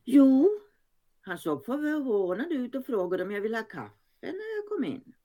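A woman voicing a plump, cheeky older woman who tells bawdy stories gleefully in a high, animated voice.

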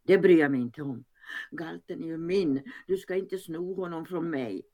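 A woman voicing a sour, demanding older woman who speaks tartly and breaks into a shrill falsetto. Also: a little mellow. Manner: tart, demanding, shrill falsetto when upset.

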